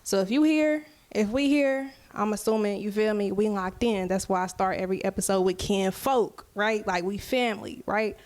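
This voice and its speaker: Speaking in a darkish mid-range tone, a woman in her twenties, who is a musician, hosts a podcast by herself. She keeps things slow and casual, opening up to her listeners and often asking "right?".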